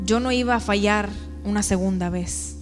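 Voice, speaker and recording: A woman's voice: medium pitch, normal speed, in a large hall, loud music behind the voice. A woman giving an earnest, emotional testimony to a church congregation, often asking the listeners questions. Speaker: testimony speaker.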